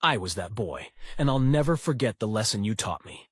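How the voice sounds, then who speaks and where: A man's voice: lowish voice, lively intonation, a little fast, breathy edge, no room sound, clean studio sound. A man playing a grateful, kind, self-made businessman in a scripted drama, speaking sincerely. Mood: heartfelt. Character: grateful, self-made real estate investor, earnest and kind.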